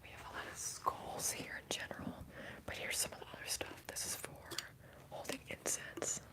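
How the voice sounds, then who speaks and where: A woman chatting casually in a hushed, breathy whisper as the host of an ASMR livestream, replying to viewers. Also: normal speed.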